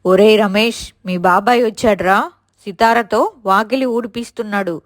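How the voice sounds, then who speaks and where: A woman's voice: medium pitch, steady tone, normal speed, no room sound, clean studio sound, close to an everyday voice. A woman voicing an older village neighbor who hurries to pass on news. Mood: urgent.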